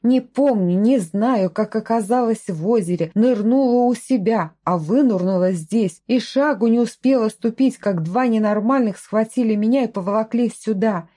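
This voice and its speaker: A woman's voice: fairly high pitch, moderate pace, few pauses, mellow, close to an everyday voice. A woman reading the lines of a frightened but defiant young woman who answers back sharply, in a storybook reading.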